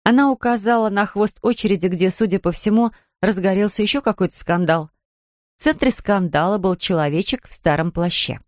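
A woman narrating a children's storybook with lively expression. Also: mid-range voice, brisk, no echo, clean studio sound. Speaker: audiobook reader.

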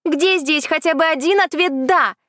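A woman's voice: high-pitched, normal speed, a bit bright, no room sound, clean studio sound, voice pushed up. A woman voicing a smug, mocking witch in an audiobook. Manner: sneering, condescending. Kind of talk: audiobook reading.

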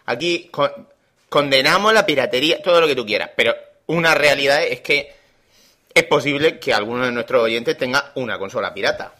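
A man with an accent from Spain co-hosting a gaming podcast, telling stories in an animated, blunt and frank way. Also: medium pitch, a little fast. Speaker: podcast co-host. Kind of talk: casual podcast chat.

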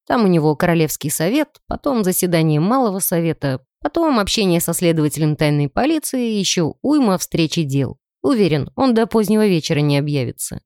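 A woman voicing a calm, confident young male mage in a dry-sounding audiobook reading, speaking lower and steadily. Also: brisk, hardly any pauses, no room sound. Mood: reassuring.

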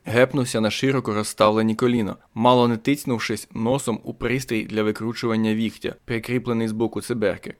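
Guy reading a thriller audiobook, tense dramatic narration, mid-pitched voice.

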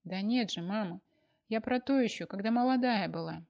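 A woman's voice: medium pitch, normal speed, vocal fry, highs cut off, close to an everyday voice. A woman voicing an exhausted young woman who blames herself and complains tearfully, in an audiobook. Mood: distraught. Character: weary, self-blaming young woman. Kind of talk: audiobook character voice.

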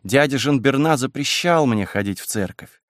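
Here a man takes on the role of a wild, passionate young woman, lifting his pitch and pleading in an impassioned way. He is animated at a moderate pace, lightly acted and gently coaxing, in a dry room with no echo.

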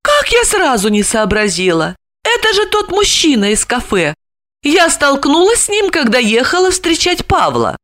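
Brief: a woman as a vain, sharp-tongued young wife, very high and lively, full of airs. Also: moderate pace, heavily acted. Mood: haughty, irritable. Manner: haughty, irritable, lively.

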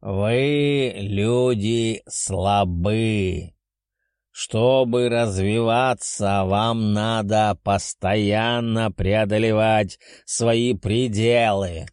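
A man voicing an ancient, proud male dragon spirit in an audiobook, slow and booming with a growl. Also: steady tone, a little mellow, clean tone, dry recording, clean studio sound. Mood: commanding. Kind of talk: audiobook character voice.

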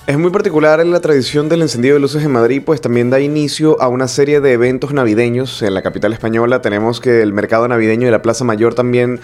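Quick-talking male radio reporter. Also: medium pitch, steady tone, darkish tone. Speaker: radio show contributor. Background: music bed.

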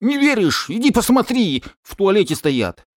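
A man doing a shrill, frantic fake terrorist. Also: sing-song, moderate pace, no room sound, studio quality. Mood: indignant. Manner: shrill shouting, wild and boastful. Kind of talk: audiobook character voice.

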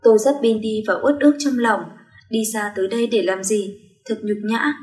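Brief: higher-voiced woman, wistful first-person storyteller, roomy echo. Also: normal speed. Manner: gentle, wistful storytelling, voicing every character herself.

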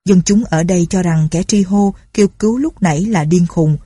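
A woman's voice: on the low side, normal speed, dark tone, slightly rough, no echo, clean studio sound. A woman voicing a ruthless, suspicious male bandit chief who talks in a harsh, threatening way. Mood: menacing.

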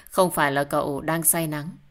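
A woman's voice: sits low, steady tone, normal speed. A woman voicing a joking male best friend who teases and exclaims in surprise. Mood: teasing.

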